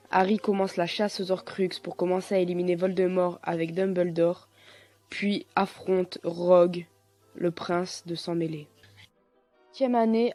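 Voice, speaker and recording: Young woman, casual vlogger listing fan facts; mellow, unpolished delivery, faint music bed. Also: medium pitch. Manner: lists facts in numbered points, chatty, slightly halting. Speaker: youtuber. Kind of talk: casual fan explainer vlog.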